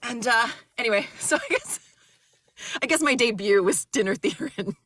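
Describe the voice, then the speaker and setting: A woman's voice: on the high side, lively intonation, normal speed, a bit bright, no room sound, studio quality. A woman from Maryland, a narrator and actor, chatting in an interview and telling rambling stories with lots of laughter. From Maryland, USA. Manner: chatty, rambling storyteller who laughs often. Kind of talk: casual interview chat.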